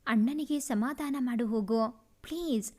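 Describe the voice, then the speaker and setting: A woman's voice: on the high side, unhurried, darkish tone, voice pushed down. A woman voicing a tearful young woman who pleads with her brothers in a storybook tale. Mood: pleading.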